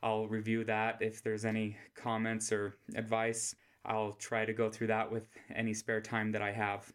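An American man speaks as the host of an informal scripture lesson. His voice is soft, quiet and on the low side. The delivery stays a flat monotone with very little inflection, kept hushed as if in a room at home. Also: normal speed, clear, resonant tone. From Utah, United States. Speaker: host of a scripture study podcast.

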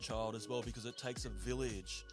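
A man's voice: lowish voice, steady tone, moderate pace. A man hosting a casual radio chat in an upbeat, appreciative manner. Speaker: radio host. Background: music.

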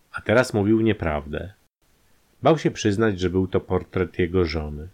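A man narrating a crime story in a calm, measured way. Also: deep voice.

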